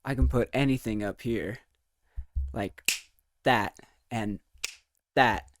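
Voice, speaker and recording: A man's voice: medium pitch, slow pace, fairly bright tone, no room sound. A man doing a rambling, comedic mic test in a goofy, playfully theatrical manner, close on the microphone. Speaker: video creator.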